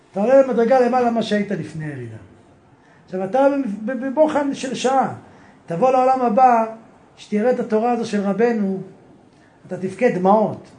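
A man giving a Torah sermon to a group, acting out quoted voices and breaking into loud exclamations. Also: sits high, reverberant. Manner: animated, acts out quoted voices, bursts into exclamations. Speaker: preacher.

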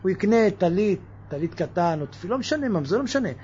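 Man preaching, high lively voice, mocking questions, dull lo-fi recording. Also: husky. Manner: animated, mocking rhetorical questions. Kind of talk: religious sermon.

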